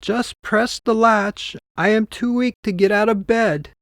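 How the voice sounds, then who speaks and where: A man voicing a sly male wolf who fakes a thin, high old woman's voice to coax and trick, read for a classroom storybook recording. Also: measured pace, no echo, studio quality. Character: sly male wolf faking a frail granny voice.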